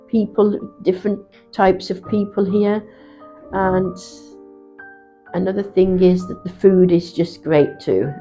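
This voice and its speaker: A woman recounts her reasons for settling abroad, speaking unhurriedly and pausing with soft fillers. Her voice is mellow and warm. Quiet music plays underneath. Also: medium pitch. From England. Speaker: interviewee. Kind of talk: casual personal account.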